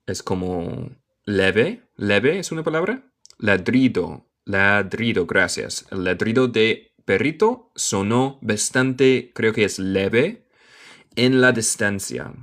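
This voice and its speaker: An American man from Michigan, a native English speaker, leads a slow read-aloud English lesson. He drags out each word with a lowish voice and pauses often between phrases. He then explains the meanings in Spanish. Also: lively intonation, fairly bright tone. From United States. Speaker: English teacher, live streamer.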